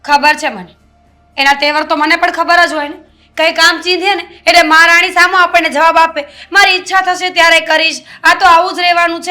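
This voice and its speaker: Young daughter-in-law for a family film drama, fast and bright, bickering,. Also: female voice, high-pitched. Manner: quick, bickering.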